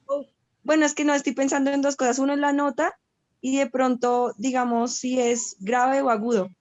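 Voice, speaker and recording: A woman's voice: high voice, flat delivery, moderate pace, a little mellow, no room sound. A woman taking part in a workshop from home over a video call, answering hesitantly while she thinks aloud. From Bogotá, Colombia. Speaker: workshop participant.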